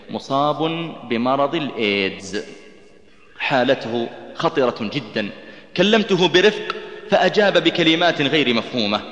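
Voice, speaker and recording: A man preaching an emotional sermon, telling stories with rising passion and chanting scripture in a melodic recitation. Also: a bit bright. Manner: impassioned, voice climbing high and tense at dramatic peaks. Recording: echoey hall with long reverb.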